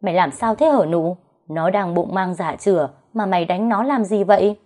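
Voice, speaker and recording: A woman voicing a stern older mistress of the house who scolds a servant with shouted insults. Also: fairly low pitch, moderate pace, natural voice.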